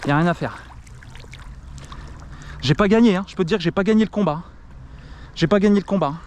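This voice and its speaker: Young man from France, excited self-filmed kayak commentary, higher voice, outdoor action-camera sound. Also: fairly quick, smooth. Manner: excitable, exclaims constantly, talks to the camera and the fish. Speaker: kayak angler filming himself.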